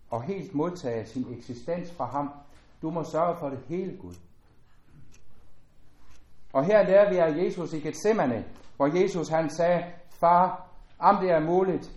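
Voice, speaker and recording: A man preaching a sermon as a pastor, earnest and measured, his voice dropping at the ends of phrases. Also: on the high side, roomy sound.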